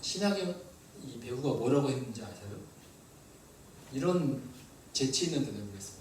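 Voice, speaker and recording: A male pastor preaching a sermon, lively and asking the congregation questions. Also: medium pitch, normal speed, heavy reverb, distant mic, a little hiss or hum, low-quality recording. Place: church hall.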